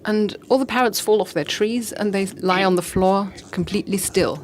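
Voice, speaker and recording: Woman telling a slow, pausing parable. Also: medium pitch, a little mellow. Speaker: speaker on fasting. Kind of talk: storytelling talk.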